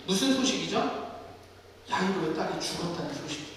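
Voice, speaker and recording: A male pastor preaching a sermon in an animated way, acting out scripture scenes in different voices, in a basement studio used for church services. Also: on the high side, brisk, a little hiss or hum. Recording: echoey hall from far off.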